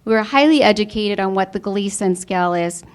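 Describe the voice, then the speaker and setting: A woman's voice: mid-range voice, brisk. A woman giving an earnest personal testimonial to an audience, her voice sometimes tearful. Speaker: insurance member giving a testimonial. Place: before a live audience.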